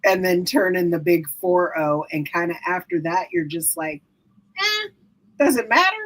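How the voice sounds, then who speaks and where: A woman's voice: fairly low pitch, lively intonation, moderate pace, a bit bright, low-quality recording. A woman in her fifties co-hosting, chatting easily and laughing at herself about her age. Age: 50s. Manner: easygoing, self-deprecating. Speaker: co-host. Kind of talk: casual chat.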